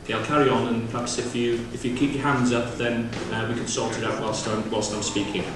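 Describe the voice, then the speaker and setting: A man with a Welsh accent opens a conference in a halting, semi-improvised way. His mid-pitched voice reaches the microphone from a distance, swimming in heavy room echo. He pauses often as he addresses the delegates. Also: little pitch movement. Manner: hesitant, halting delivery with frequent pauses. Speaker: conference opening speaker, local government representative. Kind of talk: bilingual public speech, semi-improvised. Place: large indoor conference venue. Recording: distant, very echoey hall with clear noise.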